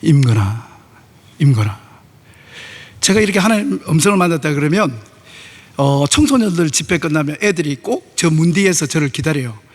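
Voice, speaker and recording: A middle-aged man preaching a sermon as pastor, telling stories and acting out voices in lively dialogue, recorded in a church sanctuary. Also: fairly high pitch, fairly quick. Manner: animated, acts out dialogue in shifting voices. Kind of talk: sermon with storytelling. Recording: long hall reverb of a church.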